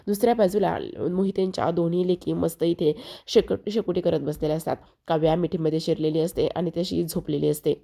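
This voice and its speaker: A woman's voice: lowish voice, steady tone, fairly quick, vocal fry, warm tone. A woman casually retelling a TV serial episode, chatting directly to her viewers. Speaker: TV serial recap narrator.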